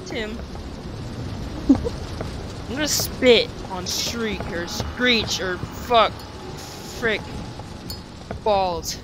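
A young woman records a gaming video, chatting casually as she plays; she's giggly, jittery and shaky, swearing playfully as nerves get to her. Her medium-pitched voice is very slow, with long pauses, and background noise is clearly audible.

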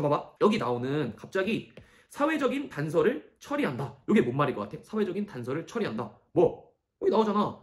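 A man teaching English reading, walking through a passage and often checking whether students follow. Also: a little high. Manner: quick, emphatic, keeps checking understanding with "okay?"; asks and answers his own questions. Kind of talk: lecture explaining an English passage.

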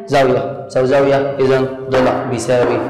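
A man with an Egyptian Arabic accent teaching a math lesson in a quick, conversational way, voicing his students' questions himself. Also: mid-range voice, completely flat delivery, darkish tone, faint music behind. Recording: echoey room with long reverb.

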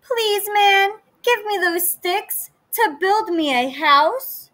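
Lady doing a little piggy, high and squeaky, politely begging, bright tone. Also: animated, slow pace, exaggerated voice. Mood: pleading. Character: small timid male piglet.

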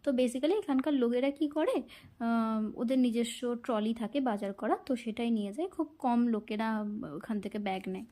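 A woman's voice: on the high side, moderate pace, mellow. A woman from India with a Bengali accent, chatting casually in her kitchen and telling a story while she cooks, with frequent fillers. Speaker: vlogger. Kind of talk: casual chat while cooking. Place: home kitchen.

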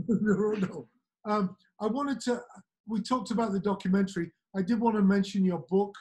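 A man hosting an interview over a video call, speaking in a hesitant, halting way with many fillers. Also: high-pitched, fairly even intonation, darkish tone. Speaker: interviewer, host. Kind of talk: conversational interview. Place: small indoor room, video call. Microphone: webcam on a video call.

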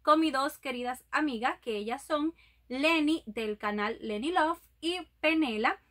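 A woman's voice: high voice, a little slow, a bit bright. A young woman vlogger announcing a giveaway to her viewers in a casual, affectionate way, filmed close up indoors. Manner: affectionate, addresses viewers as "my loves". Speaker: YouTube vlogger. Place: indoors in front of a green sequin backdrop.

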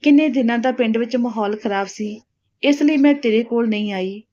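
A woman's voice: on the high side, fairly quick, dark tone, lightly acted. A woman voicing a chatty village neighbor woman. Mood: curious. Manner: inquisitive, polite. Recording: dull lo-fi recording.

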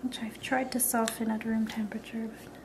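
A woman's voice: a little high, flat delivery, a little fast. A woman and mother cooking at home, chatting casually to herself and her kids, sometimes dropping to a whisper. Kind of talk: casual cooking vlog chat. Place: home kitchen, indoors. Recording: loud kitchen noise with sizzling food.

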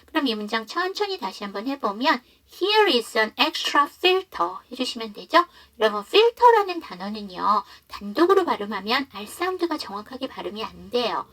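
A woman teaching an online English lesson who explains patiently and reads example sentences slowly. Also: on the high side, big pitch swings, a bit bright, husky.

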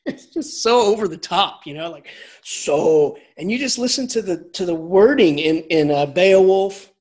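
At normal speed and with a high-pitched voice, a man lectures as an English professor. He's informal and animated, regularly restarting sentences and chuckling during asides.

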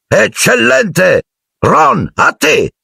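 A man's voice: sits high, huge pitch swings, drawn-out words, creaky, bright, forceful tone, husky, no room sound, studio quality, voice pushed up, exaggerated voice. A man voicing a cheerful, encouraging middle-aged male teacher in an audiobook, calling out praise with enthusiasm. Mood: rallying.

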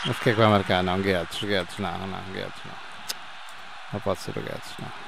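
A man in his fifties with a European Portuguese accent, doing playful football commentary over his own gameplay, yelling goal calls and cheering players on between calm score recaps. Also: low voice, brisk, gravelly, background noise. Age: 50s. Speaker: gaming channel host.

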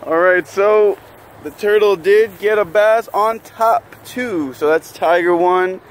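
A young man hosting a fishing vlog outdoors by a pond, chatting and laughing, yelling when fish bite. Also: high-pitched, takes it slowly, a little hiss or hum. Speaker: fishing channel host. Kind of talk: excited outdoor vlog chat.

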